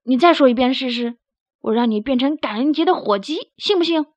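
A woman's voice: high voice, expressive, brisk, no echo. A woman doing a chubby, boastful field mouse. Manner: boastful, threatening. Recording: dry, slightly dull recording.

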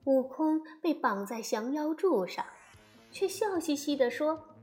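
Slow, lively-voiced woman storyteller. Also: high voice, faint music behind. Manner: expressive, unhurried storytelling. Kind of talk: storybook narration.

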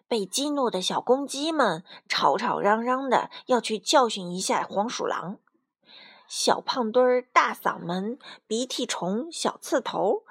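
A woman reading a children's storybook aloud expressively, pausing to explain things to a child. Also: fairly high pitch, breathy edge.

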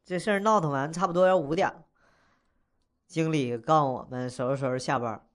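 A man's voice: a little high, brisk. Wisecracking man with a twang. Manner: slangy, wisecracking, chuckles through the story. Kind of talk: casual comic storytelling.

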